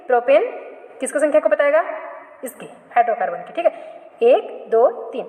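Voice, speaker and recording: High-voiced woman teaching in an echoey room. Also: animated, normal speed, mellow. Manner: asks questions then answers them herself; repeats and corrects herself. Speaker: chemistry teacher. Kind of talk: classroom lecture. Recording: echoey room, long reverb.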